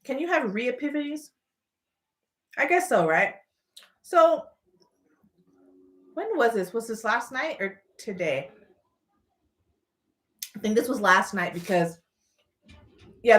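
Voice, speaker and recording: A woman hosting a casual livestream, telling personal stories in an animated, playful, rambling way with emphatic points. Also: medium pitch. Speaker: livestream host.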